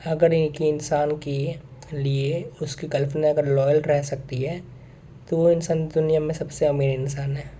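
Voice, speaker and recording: A man's voice: a little high, level tone, unhurried, dark tone, a little hiss or hum. A young man talking straight to his viewers in a casual monologue, earnest and repeating his points, with English phrases mixed in. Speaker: vlogger.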